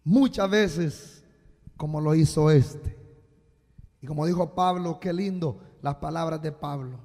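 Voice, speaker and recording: A man preaching a sermon as a pastor, slow and emphatic with sudden loud bursts, recorded live in a church. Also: sits high. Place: church sanctuary. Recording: live church hall with long reverb.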